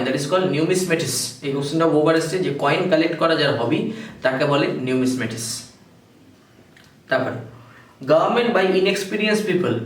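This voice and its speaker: A man with a Bengali accent teaching a vocabulary lesson. He reads definitions slowly and keeps quizzing his students. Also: on the high side, distant mic. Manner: reads English definitions slowly, then explains briskly and quizzes. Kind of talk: exam-prep vocabulary lesson. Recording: echoey room, voice off-mic, faint hiss.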